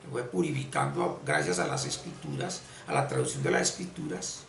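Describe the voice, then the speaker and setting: A man giving an unscripted esoteric religious lecture, halting and repeating phrases as he searches for words. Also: a bass voice, huge pitch swings, gravelly, a bit bright, recorded from a distance, slight background noise. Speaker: esoteric spiritual teacher. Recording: echoey room, voice off-mic, faint ambience.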